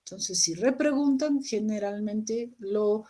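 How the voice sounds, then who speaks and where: A woman's voice: mid-range voice, slow pace, mellow. A woman giving a recorded medical lecture, explaining patiently to students and often checking in with rhetorical questions.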